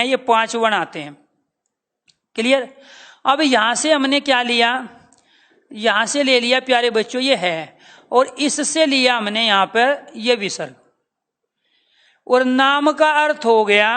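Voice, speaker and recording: A man's voice: extremely high pitch, bright, forceful tone. A man teaching a lesson to students, calling them dear children and drilling the sounds by repeating them. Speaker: Hindi teacher. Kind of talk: classroom lecture.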